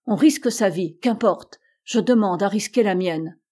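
A woman reading the lines of a loyal, eager old male ship's bosun, louder than her narration. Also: medium pitch, a little slow, natural voice. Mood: earnest.

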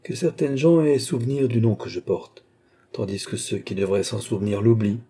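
A man's voice: on the low side, moderate pace, dark tone, slightly rough. A man voicing a haughty, greedy noble countess who speaks with imperious disdain.

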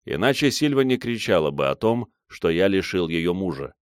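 Low-voiced male audiobook narrator, dry. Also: very animated, moderate pace, dry recording. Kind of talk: first-person scripted narration.

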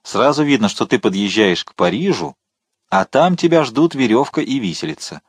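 A man's voice: mid-range voice, very animated, normal speed, breathy edge, dry recording. A man doing a teasing veteran musketeer. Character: bold mocking male musketeer, veteran soldier.

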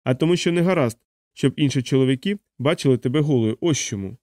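A man's voice: mid-range voice, fast talker, a little mellow, no echo, clean studio sound, lightly acted. A man voicing an insistent young man, lovestruck and bossy, who keeps laying down orders in exasperation.

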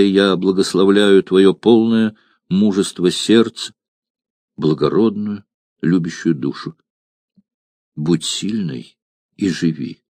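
Doomed rebel leader saying goodbye, solemn and heartfelt, deep low voice, a man reading it out in an audiobook. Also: a little mellow, no echo, full character voice. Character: doomed rebel leader writing a farewell letter.

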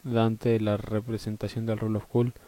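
Speaking at a normal speed in a lowish, mellow, monotone voice, an Argentine Spanish-accented live game streamer chats casually, curses and frequently mutters to himself.

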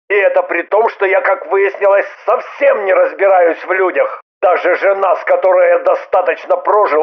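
A woman's voice: medium pitch, dull audio, close to an everyday voice. A woman reading an audiobook and voicing a wry, teasing middle-aged man who argues stubbornly. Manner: dry joking, stubborn. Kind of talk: audiobook character voice.

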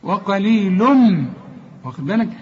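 High-voiced Egyptian man teaching tajweed. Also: animated, a little mellow, highs cut off, slight background noise. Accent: Egyptian Arabic. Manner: corrects the listener, repeats words slowly. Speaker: Quran recitation teacher. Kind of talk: tajweed lesson.

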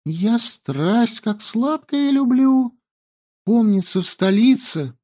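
A man's voice: extremely high pitch, expressive, takes it slowly, darkish tone, voice pushed up, exaggerated voice. A male reader voicing a flighty, wide-eyed young woman from the capital who chatters and wheedles. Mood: chattery. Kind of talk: audiobook character voice.

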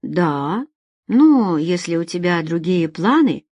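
A woman reading a novel aloud, voicing a calm, mysterious woman who speaks softly and teasingly. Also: fairly low pitch, slow, no room sound, muffled recording, full character voice. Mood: hesitant.

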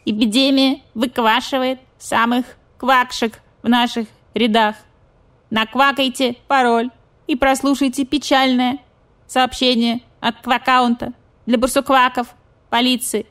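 An officious frog messenger who croaks through every announcement, as a woman puts it on. The voice is raised and formal, with a slightly pinched sound. It is a storybook animal character. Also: fairly high pitch, level tone, unhurried, a bit bright, pitched above the performer's own voice. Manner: officious, keeps punning on croaks.

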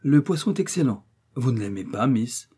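A robust naval captain in his forties speaks jovially and heartily, read aloud by a man in an audiobook. The voice sits a little above the reader's own. It has a mellow, slightly husky tone. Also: medium pitch, expressive, moderate pace. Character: hearty fortyish naval captain, cheerful and kind.

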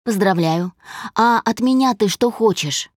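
A young woman snaps back with a tired edge, as a woman reads her aloud. She is hungover and out of patience, her replies sharp and short. Dry, close sound. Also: medium pitch, expressive, a little slow, no echo. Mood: irritated. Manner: sharp, exasperated.

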